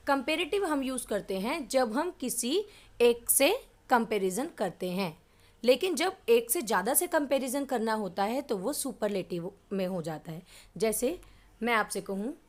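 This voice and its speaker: Woman, English teacher, higher voice, patient explaining, reads word lists. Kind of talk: grammar lesson explained in Hindi.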